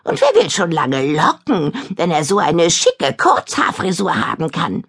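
A woman voicing a boastful, clumsy female witch with a hoarse voice and a slow, bragging way of chanting spells. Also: fairly low pitch, huge pitch swings, heavily acted. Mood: teasing.

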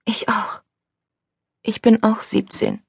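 A frightened seventeen-year-old girl, soft and breathy in a raised pitch, as a woman reading an audiobook puts her on. Her voice is husky and slightly gravelly, recorded close and dry. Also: expressive, a little slow, dry recording, heavily acted. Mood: frightened, hushed. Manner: soft, breathy and higher than the narration.

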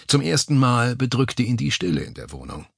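Gravelly-voiced man narrating a thriller. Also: very animated, brisk, no room sound. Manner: tense, dramatic pacing with sudden pitch jumps. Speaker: audiobook narrator. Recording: dry close studio mic.

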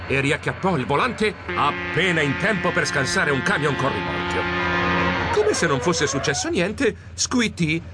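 A man narrating a children's storybook in a lively, comically flustered way. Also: on the high side, a little slow, loud music behind the voice. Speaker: audiobook narrator.

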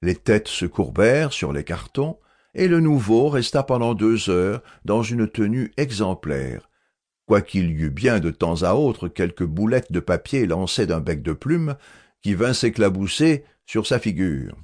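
A man reading a classic novel aloud as an audiobook narrator, in a measured, expressive manner. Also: on the low side.

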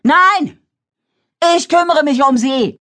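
A woman narrator voicing a determined teenage girl who shouts to her friends through heavy rain. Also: extremely low pitch, expressive, slow, husky, voice pushed down, heavily acted. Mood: shouting urgently.

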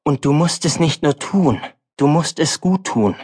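A man's voice: a little high, lively intonation, measured pace, breathy edge. A male audiobook narrator voicing a farm boy's stern, wise mother, speaking firmly and earnestly. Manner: firm, earnest, then softer.

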